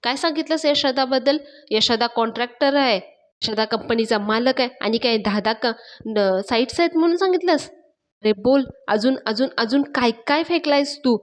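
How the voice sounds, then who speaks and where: A woman's voice: on the high side, normal speed, big-room sound, lightly acted. A woman voicing an angry young man who scolds and accuses a friend of lying. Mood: scolding.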